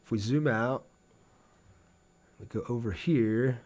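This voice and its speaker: While playing a game on a livestream, a man talks conversationally with his audience, reading out viewer comments and responding to each. He takes his time, with a medium-pitched voice and a darkish tone.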